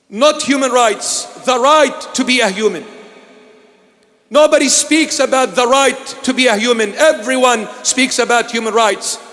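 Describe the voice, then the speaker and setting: An Iraqi bishop with a very high-pitched voice preaches in a large church hall, where a long reverb trails his words. He's emphatic and repetitive, echoing his own phrases and sometimes bursting into shouts.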